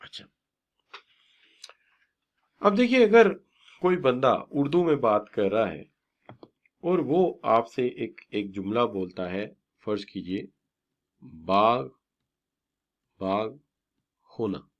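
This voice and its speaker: A middle-aged male lecturer teaches at an unhurried pace. His pitch rises and falls widely as he stresses and stretches key words. He drops English terms into his lesson and praises students often. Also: big pitch swings, dull audio. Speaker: business communication teacher. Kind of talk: classroom lecture.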